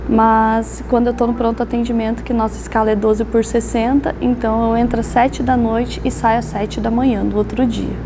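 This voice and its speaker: A woman's voice: fairly high pitch, little pitch movement, moderate pace, few pauses, background noise. A woman in her thirties with a Brazilian accent, a health worker speaking steadily and matter-of-factly in a documentary interview. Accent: Brazilian Portuguese. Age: 30s.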